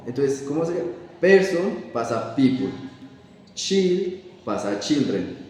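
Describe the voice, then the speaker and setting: A young man explaining English plural rules in a classroom style, halting and correcting himself as he goes. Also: medium pitch, mellow. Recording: echoey room, voice far from the mic.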